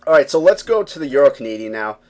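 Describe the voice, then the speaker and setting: A man's voice: mid-range voice, big pitch swings, fast talker, a little mellow. A man hosting a live trading webinar, explaining charts in a conversational way with lots of fillers and check-ins with viewers. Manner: conversational, many fillers and "right, guys?". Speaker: forex trading webinar host. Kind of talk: live webinar teaching, casual.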